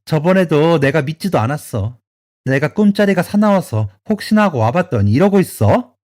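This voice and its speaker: A man voices an enraged, domineering older mother-in-law in a storytelling radio drama. The voice climbs high and loud as she scolds and shouts. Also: big pitch swings, normal speed. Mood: scolding.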